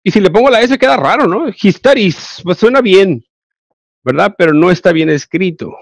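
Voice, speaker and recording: A man's voice: sits high, expressive, normal speed, vocal fry, no room sound. A male English teacher with a Mexican Spanish accent, giving an online class and explaining grammar step by step with frequent check-ins.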